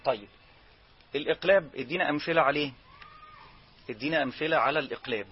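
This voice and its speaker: A man with an Egyptian accent teaching Quran recitation rules, explaining each rule and then chanting slow example verses. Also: a little high, husky, highs cut off. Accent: Egyptian Arabic. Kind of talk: tajweed lesson.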